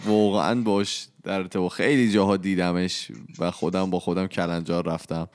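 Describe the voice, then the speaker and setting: A man's voice: deep voice, no room sound, studio quality. A man in a casual discussion, chiming in with short agreements and remarks. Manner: brief agreeing interjections, lively.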